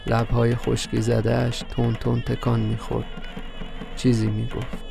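A man narrating a literary story in a measured, grave manner. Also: mid-range voice, monotone, creaky, music in the background.

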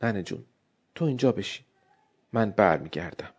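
A man voicing a hushed abandoned young wife. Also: mid-range voice, animated, breathy edge. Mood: tender. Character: abandoned young village wife, desperate then bitter.

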